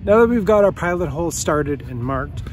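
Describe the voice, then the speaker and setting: Lively man quizzing playfully. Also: a little high, moderate pace, a little hiss or hum. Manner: quizzing, jokey question-and-answer. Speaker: bushcraft channel co-host. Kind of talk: playful tutorial narration. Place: outdoors in a city park. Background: music.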